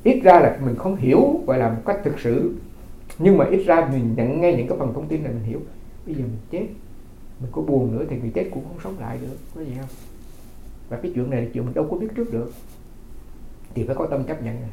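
A man's voice: medium pitch, lively intonation, fast, creaky, pauses often, warm tone, reverberant, rough recording. A man who is a Buddhist monk from Vietnam, giving a dharma talk as folksy storytelling, often repeating his words.

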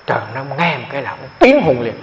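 Gravelly monk in a hall. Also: male voice, mid-range voice, sing-song. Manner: retelling a story with quoted dialogue, halting repetitions. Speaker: Buddhist monk. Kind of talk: dharma talk storytelling. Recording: dull, hall reverb.

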